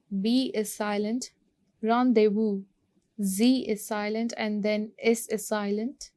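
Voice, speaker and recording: A woman's voice: fairly high pitch, mellow, no room sound. A woman teacher explaining an English vocabulary lesson, switching between Hindi and English and going through the words one by one. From Pakistan. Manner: slow, explains word by word.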